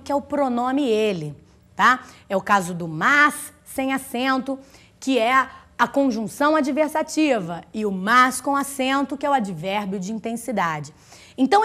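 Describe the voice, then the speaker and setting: Woman teacher, high voice, careful drawn-out example words, chatty asides. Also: fairly bright tone. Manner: chatty, teasing asides to the student. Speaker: Spanish teacher. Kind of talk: recorded language lesson.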